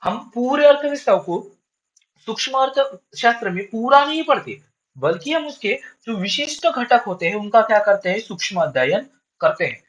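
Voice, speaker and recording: A man's voice: normal speed, low-quality recording. A male teacher giving a classroom lecture, who keeps asking questions and answering them himself and repeats key lines for his students. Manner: lively up-and-down pitch.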